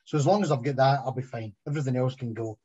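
A man's voice: medium pitch, racing, a little mellow, breathy edge. A man, a guest speaker on a video call, talking hesitantly with repeated words. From Tasmania, Australia. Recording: muffled video call audio.

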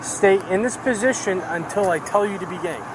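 A man's voice: high-pitched, brisk. A male police officer giving methodical, repetitive step-by-step instructions for a sobriety test. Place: outdoor city sidewalk at night. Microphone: body-worn camera on the speaker. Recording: noisy outdoor body camera audio. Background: street and vehicle noise.

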